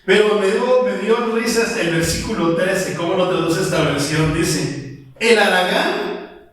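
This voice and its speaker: A man's voice: high-pitched, a little slow, distant mic. A man preaching a casual Bible commentary, telling stories and calling his listeners brother. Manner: conversational, storytelling, addresses listeners as brother. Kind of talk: informal church Bible commentary. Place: church hall. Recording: very echoey hall, voice off-mic.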